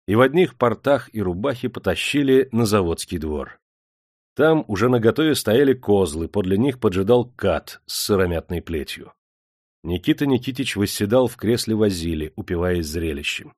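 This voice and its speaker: Man, audiobook narrator, low voice, steady measured telling, dry studio sound. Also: no echo.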